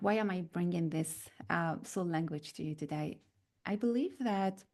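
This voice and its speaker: Woman from North Africa, spiritual teacher, mid-pitched, mellow tone, unhurried and searching delivery. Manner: slow and searching, with many fillers and pauses. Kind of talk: reflective spiritual talk.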